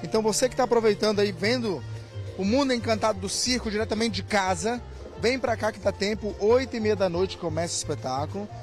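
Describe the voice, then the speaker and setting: Man, Brazilian, high voice, promotional interview, showman's sales pitch, background music. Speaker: circus spokesman. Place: large circus tent. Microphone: reporter's handheld microphone. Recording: music playing behind.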